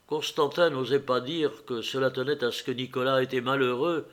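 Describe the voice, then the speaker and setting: A man narrating a classic novel as an audiobook reader, in a measured, even reading. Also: mid-range voice.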